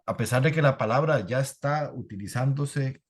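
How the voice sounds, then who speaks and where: A man's voice: medium pitch, normal speed, husky. A man explaining language points in an academic online talk, often adding "¿verdad?". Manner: explanatory, many "¿verdad?" tags. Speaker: presenter on the creole translation.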